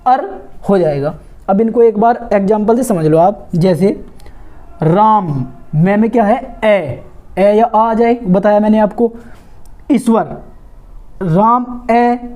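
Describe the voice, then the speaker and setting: A woman's voice: mid-range voice, warm tone. Woman teacher drilling students with questions. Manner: asks questions and answers them herself, repeating and drawing out sounds. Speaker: Hindi teacher. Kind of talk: grammar lesson for exam students.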